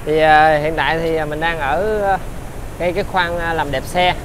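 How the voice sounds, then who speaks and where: A man with a southern Vietnamese accent giving a used-car sales walkaround, halting often with fillers as he talks. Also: a little high. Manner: halting, filler-heavy delivery. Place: large car detailing workshop. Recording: loud ambient hiss and vehicle noise. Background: steady workshop and vehicle noise.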